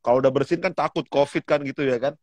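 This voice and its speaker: A man's voice: medium pitch, rapid-fire, no echo. A man hosting a casual livestream talk show, chiming in with short interjections and jokes. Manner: short encouraging interjections and joking asides. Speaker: host.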